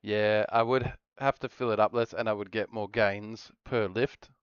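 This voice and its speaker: Low, smooth-voiced man streaming a game. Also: fairly even intonation, moderate pace, no room sound, highs cut off. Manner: rambling, talks to himself while playing. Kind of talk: casual live-stream chat.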